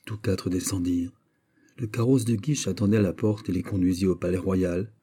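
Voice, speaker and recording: A male narrator reads a classic novel aloud in a measured, dramatic way. His voice is low and dark, with a husky edge. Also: fairly even intonation. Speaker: audiobook reader.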